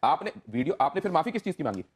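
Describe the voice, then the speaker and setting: A man's voice: fairly high pitch, very animated, very fast, husky. A male anchor running a television panel debate, pressing his guest and repeating words to break in.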